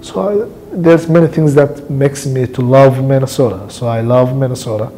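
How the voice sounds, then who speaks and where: A man from Somalia, speaking earnestly in an interview, with halting phrasing and restarts. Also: mid-range voice, warm tone, soft background music. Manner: earnest, with halting non-native grammar and restarts. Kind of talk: interview testimonial.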